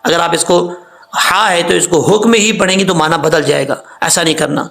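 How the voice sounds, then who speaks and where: A man teaches Quran pronunciation in a high, gravelly voice. He explains each rule and then chants the words slowly to model them. The recording has a roomy echo. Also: steady tone, pushed and bright.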